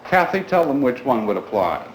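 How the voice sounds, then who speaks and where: A mid-pitched man leads a school grammar class, very animated yet polite and deliberate as he directs questions and instructions to pupils. The room echoes, and the recording has noticeable noise.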